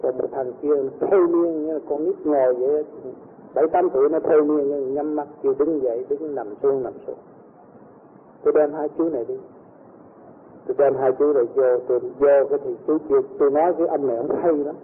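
A man's voice: on the high side, fairly even intonation, brisk. A man recounting a personal anecdote to a gathering, rambling along and acting out the voices of the people in his story. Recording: tinny lo-fi recording with faint noise.

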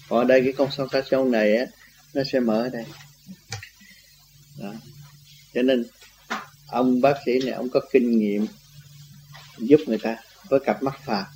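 A man with a dark, mellow voice speaks at an even middle pitch, teaching in a loose, rambling way. He repeats words and laughs now and then. A faint hum sits under the recording. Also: rough recording. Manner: rambling, repetitive, laughs often. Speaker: spiritual teacher. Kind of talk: informal religious teaching talk.

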